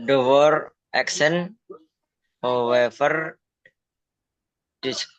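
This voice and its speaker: A man with an Indonesian accent, a student reading out an English definition in class, halting word by word. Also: medium pitch, a bit bright, smooth, dry recording, dull audio.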